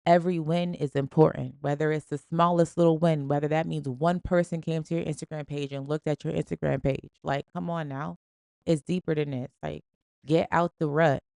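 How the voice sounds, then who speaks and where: A woman's voice: sits low, fairly even intonation, moderate pace, gravelly, darkish tone, dry recording, clean studio sound. A woman hosting a podcast, giving an emphatic, slangy, preachy motivational talk in a casual style. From Springfield. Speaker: podcast host.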